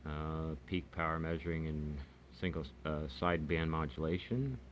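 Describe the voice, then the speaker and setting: A very deep-voiced man speaking at normal speed hosts a hobbyist radio review, casually demonstrating the product without a script. He talks in a hesitant, rambling way, and the recording carries clear background noise.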